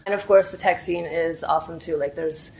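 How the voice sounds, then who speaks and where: Lowish voiced woman, startup person chatting casually in an interview, says like a lot. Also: steady tone, a little fast, a little mellow, a little hiss or hum, poor audio. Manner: informal, chatty, frequent "like".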